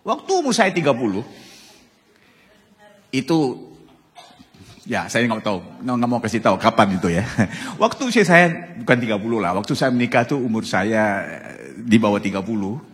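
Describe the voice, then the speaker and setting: A man in his sixties preaching a sermon to a live congregation, animated and often tagging phrases with a direct address to the listeners. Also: mid-range voice, normal speed, long pauses. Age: 60s. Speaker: pastor. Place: church hall with live congregation. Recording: echoey church hall.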